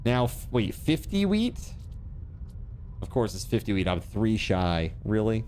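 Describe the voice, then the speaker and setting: A man livestreaming and chatting casually with viewers, giving shout-outs in an excitable, hyped way with repeated words and exclamations. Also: on the low side, a little slow, slight background noise. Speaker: live game streamer.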